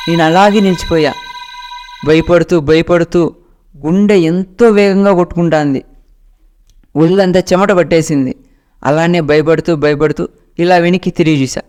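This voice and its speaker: A man's voice: sits high, darkish tone, clean tone. A man narrating a first-person ghost story in a dramatic storytelling manner.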